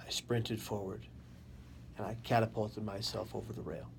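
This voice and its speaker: A man telling his own story as an interview guest, in deliberate, dramatic short phrases that he repeats for emphasis. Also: lowish voice, flat delivery, creaky. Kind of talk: personal testimony in an interview. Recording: faint background noise.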